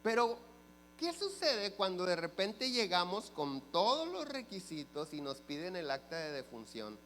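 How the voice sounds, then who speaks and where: Pastor preaching in a reverberant church. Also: male voice, high-pitched, measured pace. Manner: animated storyteller who acts out dialogue and questions the congregation. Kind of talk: sermon. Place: church sanctuary. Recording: church hall reverb with faint mains hum.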